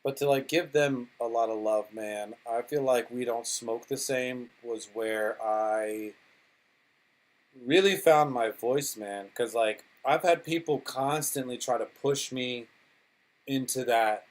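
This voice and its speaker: A man's voice: mid-range voice, slow pace, low-quality recording. A man talking casually as a podcast guest, a DJ and producer who rambles through stories and swears freely. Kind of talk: casual interview chat.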